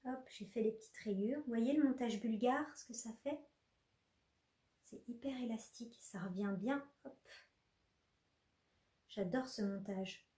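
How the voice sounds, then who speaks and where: A woman's voice: fairly high pitch, unhurried, long pauses, dark tone, echoey room. A woman chatting casually with viewers in a knitting vlog, full of fillers and restarts. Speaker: knitting podcaster.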